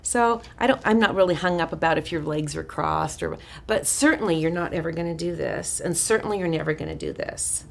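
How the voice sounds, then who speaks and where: A woman with a raspy voice teaching a counseling workshop in a chatty, informal way, often restarting her sentences. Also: low-pitched, fairly quick, few pauses, a little hiss or hum. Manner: chatty, warm-hearted asides with frequent restarts and fillers. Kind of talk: informal teaching talk to a small group.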